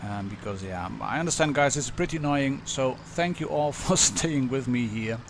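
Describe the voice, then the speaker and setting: Gravelly Dutch-accented man streaming a game. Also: medium pitch, animated, moderate pace, a little hiss or hum. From Netherlands. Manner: casual and rambling, many ums and restarts. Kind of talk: live gameplay commentary.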